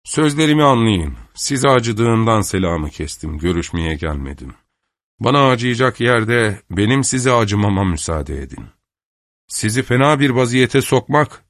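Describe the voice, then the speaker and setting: A man's voice: lowish voice, no room sound, clean studio sound. A man reading a sneering, spiteful man who mocks his former friend with sarcastic taunts, in an audiobook.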